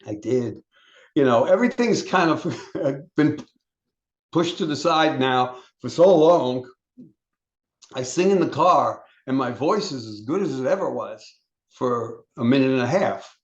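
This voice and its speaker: A man's voice: medium pitch, animated, unhurried, roomy sound, lo-fi sound. An older man, a guest on an interview show, telling rambling stories about his music career with frequent restarts and stammers. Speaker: interview guest, solo performer. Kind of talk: casual interview chat.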